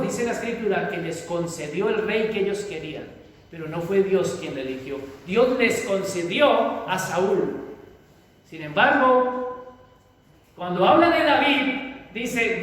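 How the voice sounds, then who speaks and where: A man's voice: high voice, lively intonation, measured pace, fairly bright tone. A male pastor preaching a fervent sermon, stretching out his emphatic phrases. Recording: echoey hall from far off.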